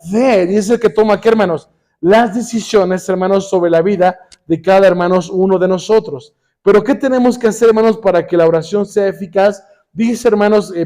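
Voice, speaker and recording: A man's voice: high-pitched, dark tone. A middle-aged man with a Mexican accent preaching a sermon, who keeps saying "hermanos" and asks his congregation questions, with joking asides.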